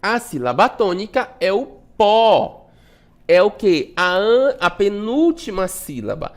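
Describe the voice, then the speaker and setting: A woman teacher with a Brazilian accent giving a recorded lesson, explaining patiently and constantly checking in with her students, sometimes stretching words out slowly. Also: mid-range voice, very animated. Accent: Brazilian Portuguese. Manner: stretches out syllables slowly to demonstrate stress.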